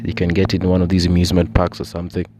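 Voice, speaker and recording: A man's voice: sits low, monotone, rapid-fire, darkish tone, a little hiss or hum. A young adult man with a Kenyan accent, hosting a casual monologue, explaining ideas with frequent "you know" and "I think" asides. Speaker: podcast host.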